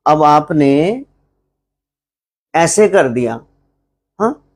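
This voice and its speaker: Punjabi-accented male teacher, fairly high voice, slow and deliberate, quizzing a live class. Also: very animated. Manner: asks questions of the class and answers them himself; slows to spell out English phrases. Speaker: teacher at a spiritual gathering. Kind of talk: informal live English class in Hindi and Punjabi. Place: live gathering hall.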